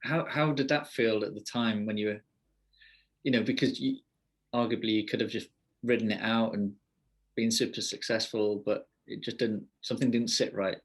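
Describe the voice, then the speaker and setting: A man's voice: on the low side, steady tone, normal speed. A man hosting a podcast interview, casual and easygoing, with frequent hesitations. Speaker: podcast host.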